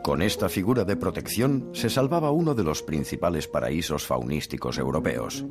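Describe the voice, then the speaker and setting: A man's voice: low-pitched, animated, moderate pace. A man with an accent from Spain reading scripted documentary narration. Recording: music behind the voice.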